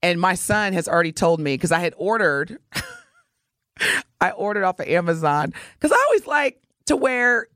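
A middle-aged woman hosting a casual morning show, talking in a playful, teasing, animated way. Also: on the low side, unhurried, no echo, clean studio sound. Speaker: host.

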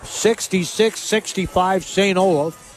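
A man calling a college basketball game play-by-play on radio, rattling off scores and stats and shouting on the big plays. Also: high-pitched, slow, faint music behind. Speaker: play-by-play announcer. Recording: radio broadcast.

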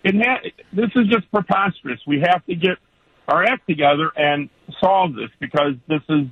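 A male caller heard over the phone, his voice high and husky through a dull, muffled line. He speaks emphatically and sounds indignant, pressing his point hard. The sound is dry and close. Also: normal speed, a bit bright, no room sound. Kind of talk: call-in radio talk.

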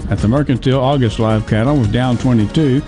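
A man's voice: medium pitch, brisk. A man reading a scripted radio market report, reeling off figures in a formulaic way. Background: faint music.

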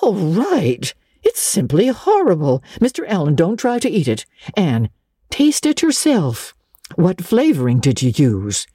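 A woman's voice: fairly low pitch, very animated, a little slow, dark tone, dry recording, studio quality, voice pushed up. A woman voicing a stern, exasperated guardian in a storybook, scolding with emphatic, scandalized delivery. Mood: indignant.

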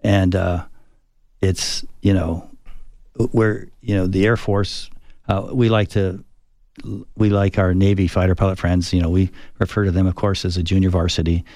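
Low-voiced older man, dry sound. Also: little pitch movement, warm tone, dry recording. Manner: reflective, halting with many restarts and fillers. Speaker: retired Air Force fighter pilot, guest. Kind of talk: conversational interview storytelling.

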